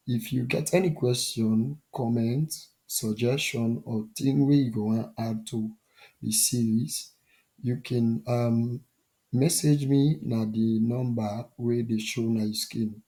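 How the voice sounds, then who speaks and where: A man presents an informal lesson as an online teacher. He has a Sierra Leonean accent and speaks a West African, Krio-style pidgin English. His voice sits at a middling male pitch. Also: steady tone, takes it slowly, dark tone, rough recording.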